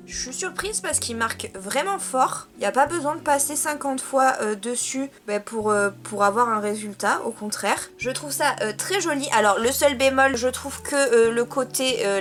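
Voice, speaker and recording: In a relaxed makeup vlog, a young beauty vlogger from France talks chattily with frequent pauses as she puts on products. Her voice is a little high and a bit bright.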